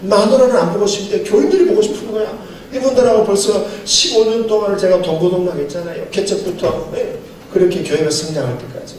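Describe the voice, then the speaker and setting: Here a pastor in middle age preaches at a seminar, his voice pitched high with a somewhat dark tone. He narrates, plays out the characters' lines himself, and laughs softly again and again. A far-off mic in a very reverberant hall picks him up, along with faint noise.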